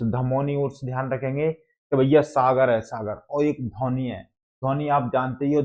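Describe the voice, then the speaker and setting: A man's voice: mid-range voice, darkish tone. A male teacher, explaining exam facts through memory tricks and asking the class questions again and again. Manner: repetitive, call-and-response questioning. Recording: dull lo-fi sound.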